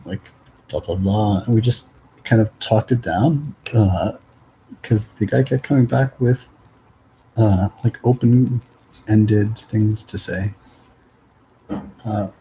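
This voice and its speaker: A man's voice: on the low side, takes it slowly, long pauses, dark tone, a little hiss or hum, rough recording. A man talking in a loose, meandering casual monologue, full of fillers and little quoted exchanges.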